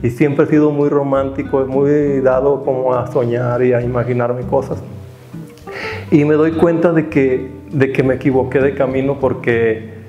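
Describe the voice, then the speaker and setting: A man's voice: mid-range voice, steady tone, normal speed, mellow. Reflective Mexican man in his fifties. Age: 50s. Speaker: honored teacher and artist. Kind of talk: personal testimony interview. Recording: roomy, slightly dull sound with guitar music behind.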